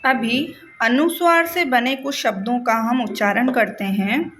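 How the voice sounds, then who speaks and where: A woman's voice: a little high, a bit bright, slight background noise. A woman teaching a spoken grammar lesson, stretching out each example word and repeating it so the learner can hear it. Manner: slow, drawn-out word demonstrations, repeated for the learner.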